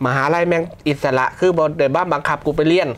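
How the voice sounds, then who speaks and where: A man's voice: a little high, fast. Young guy w/ isan accent, chill and chatty, laughs a lot, cusses casually. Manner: relaxed, laughs often, swears casually. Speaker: film director guest. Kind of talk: casual interview chat.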